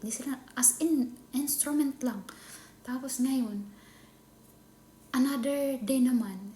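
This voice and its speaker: A Filipino woman chatting casually in a vlog, often dropping into a hushed whisper. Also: a little high. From Philippines. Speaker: nanny vlogger. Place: employer's home. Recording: echoey room with faint ambient noise.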